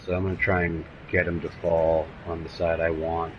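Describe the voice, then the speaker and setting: A man talks through a video game playthrough in a fairly low voice and reacts out loud to what happens. Clear game sounds play under his commentary. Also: little pitch movement, normal speed, lo-fi sound, background noise. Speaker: gameplay commentator.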